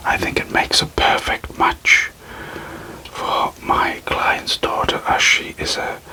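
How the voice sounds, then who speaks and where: A man performs a whispered role-play in the manner of an ASMR creator. His voice is a breathy whisper with no full voicing. He takes his time, phrasing gently and deliberately with unhurried pauses. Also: rough recording. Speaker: ASMR creator addressing viewers.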